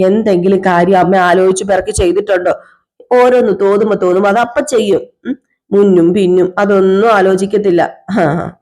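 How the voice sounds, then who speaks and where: A woman's voice: mid-range voice, mellow, natural voice. A woman voicing a patient young husband who soothes and coaxes his crying wife. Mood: dismissive. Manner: soothing, coaxing.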